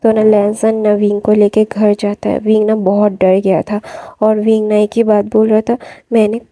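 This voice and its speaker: A woman's voice: medium pitch, completely flat delivery, normal speed, mellow, no echo. A woman casually retelling a fan story in a rambling way, full of repeated filler words.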